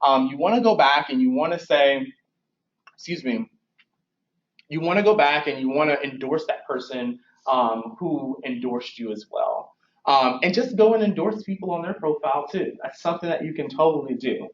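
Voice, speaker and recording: A man's voice: on the high side, normal speed, roomy sound, slight background noise. A young man giving an informal instructional presentation as a career advisor, speaking with braces in his mouth, conversational and often rephrasing himself. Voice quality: speech slightly impeded by braces. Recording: dull, lo-fi recording.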